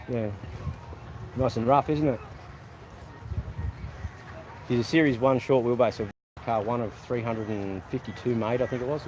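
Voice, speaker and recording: A low-voiced Australian man chats to his live-stream viewers outdoors, rambling and relaxed, full of ums and false starts. The phone audio picks up clear outdoor noise behind him. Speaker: live-streaming car enthusiast. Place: outdoor car show.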